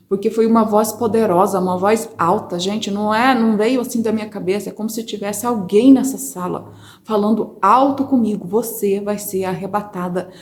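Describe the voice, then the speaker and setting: A woman with a Brazilian Portuguese accent, telling her personal faith testimony to viewers in an expressive, chatty way from a corner of her home. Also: mid-range voice. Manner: expressive storyteller, addresses viewers as brothers. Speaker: testimony speaker. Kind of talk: personal religious testimony, casual.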